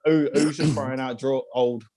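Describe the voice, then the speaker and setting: A man talking on a podcast in casual chat. He restarts his sentences as he goes and swears without a second thought, in a voice of ordinary middle pitch. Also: fairly even intonation, a little fast, dark tone. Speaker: podcast co-host.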